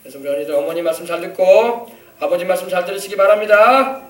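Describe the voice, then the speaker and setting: A man pastor giving an animated children's sermon, coaxing the kids with questions. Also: sits high, fast talker. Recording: echoey church from far off.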